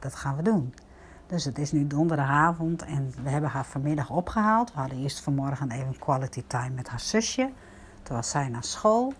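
An older woman, a grandmother, gently telling viewers a personal story in a reflective, casual way. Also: low-pitched, a little hiss or hum.

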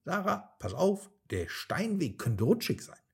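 A man's voice: medium pitch, wildly swooping pitch, takes it slowly, darkish tone, slightly rough, exaggerated voice. A man voicing a small, anxious male pet monkey who keeps warning about dangers, in a storybook. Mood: fretful. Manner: worried, fretful warnings.

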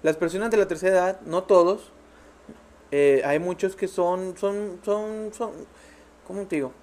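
A man with a Mexican accent, co-hosting a podcast in casual banter, joking and acting out characters in quick bits. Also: sits high, a little mellow. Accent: Mexican Spanish. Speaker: podcast co-host.

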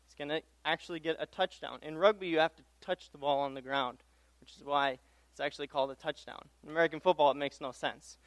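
A young adult pastoral intern from Tanzania gives a casual guest sermon at a church pulpit, frequently repeating his phrases and making self-deprecating remarks. His fairly high voice moves at a quick pace with fairly even intonation, and there is no room sound.

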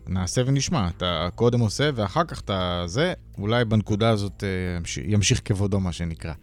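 A man hosting a panel discussion, talking casually with hesitant fillers. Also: fairly low pitch. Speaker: host.

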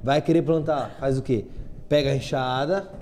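A man's voice: medium pitch, normal speed, a little mellow, slight background noise. A man in casual chat, dryly asking joking follow-up questions.

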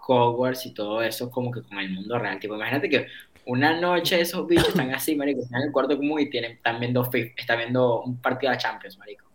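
A man co-hosting a casual gaming chat in relaxed, slangy banter. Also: medium pitch, fast. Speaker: podcast co-host.

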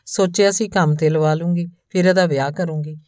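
Low-voiced woman reading a story. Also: a little fast, no room sound, studio quality. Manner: calm, even storytelling, voicing both the male narrator and the woman. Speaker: audiobook narrator. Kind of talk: scripted story narration.

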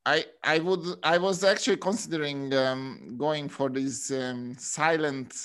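A man's voice: fairly high pitch, a little slow, a bit bright, clean tone. Hesitant man tagging "no?" onto statements. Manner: hesitant, ends statements with a questioning "no?". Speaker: podcast co-host. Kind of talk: casual podcast chat.

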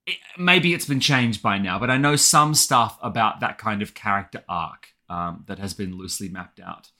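Talking about his writing work as a guest on an interview, this Australian man is loose, colloquial and full of enthusiasm. He speaks at a moderate pace in a lowish voice that sounds pushed and bright.

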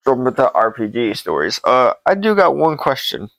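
A man's voice: medium pitch, sing-song, normal speed, vocal fry, a bit bright, no echo, rough recording. A young man co-hosting a podcast, telling anecdotes in a rambling way full of "like" fillers. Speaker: podcast co-host. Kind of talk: casual chat.

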